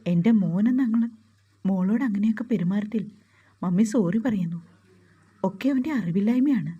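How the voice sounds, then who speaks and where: A woman voicing a kind, fussing middle-aged mother in a storybook reading, speaking softly and affectionately. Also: medium pitch, normal speed, husky, lo-fi sound, close to an everyday voice. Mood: tender.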